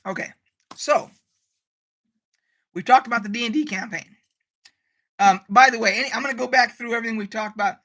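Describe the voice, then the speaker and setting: A woman's voice: a little high, a little fast, long pauses, fairly bright tone. A woman hosting a casual live stream, ranting animatedly, swearing freely and reading out viewer comments. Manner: reads out viewer chat comments.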